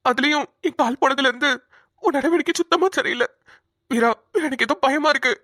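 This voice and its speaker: A woman's voice: sits high, fairly quick, a bit bright, dry recording, studio quality. A woman voicing a weary troubled man. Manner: subdued, weary, heavy-hearted. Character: injured grown man, troubled and worried. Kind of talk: cartoon voice acting.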